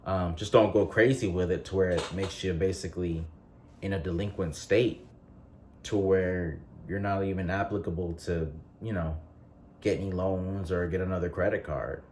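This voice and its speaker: Male vlogger, late twenties, very low voice, casual filler-heavy chat, faint background hum. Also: moderate pace. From North Carolina. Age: 20s. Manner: relaxed rambling with frequent fillers and restarts.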